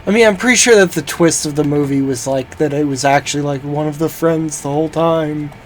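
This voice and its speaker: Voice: medium pitch, brisk, a little hiss or hum. A game streamer giving casual live gameplay commentary in a joking, rambling, profane way.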